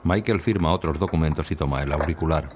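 A man narrating an audio description of a film in a brisk, neutral manner. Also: rumbling low, background noise. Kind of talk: scripted narration.

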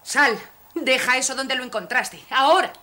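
A woman's voice: high-pitched, normal speed. A voice actress playing a fed-up café owner who scolds her husband in a dubbed film. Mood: scolding. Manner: shouting, scolding, bossy. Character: fed-up, furious woman running a roadside café.

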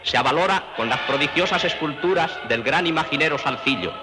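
A man's voice: on the high side, fairly quick. An actor playing a solemn male newsreel announcer, declaiming grandly in the style of an old newsreel shown on a cinema screen. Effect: old newsreel played on a cinema screen. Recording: echoey cinema hall with music.

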